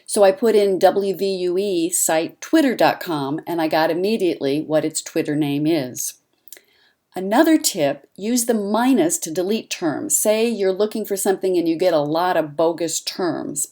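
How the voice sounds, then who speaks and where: A woman, a journalism instructor, narrating an instructional lesson in a clear, conversational teaching manner. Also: on the low side, normal speed, dark tone.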